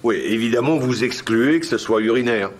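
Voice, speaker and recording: A man's voice: mid-range voice, fairly quick, slight background noise, natural voice. An actor dubbing a sardonic, mocking male doctor in a TV drama, with a sarcastic, needling delivery. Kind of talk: dubbed TV drama.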